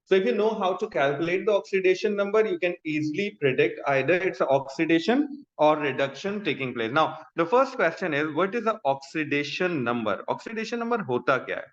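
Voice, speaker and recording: A man's voice: a little high, animated, fast, few pauses. A man with a Pakistani accent teaching a class in an instructive way, repeating key terms and often checking that students follow. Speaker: chemistry teacher. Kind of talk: classroom lecture mixing explanation and questions to students. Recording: dull, echoey room sound.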